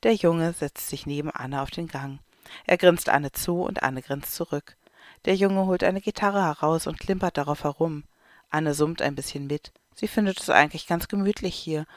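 Calm storybook narrator, dry close sound. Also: mid-range voice, no room sound. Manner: calm, clear read-aloud delivery with light voices for characters. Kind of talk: storybook reading for children.

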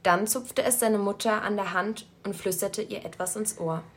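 A woman narrating a story aloud in a calm, measured storytelling voice. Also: medium pitch, a little hiss or hum. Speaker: story reader.

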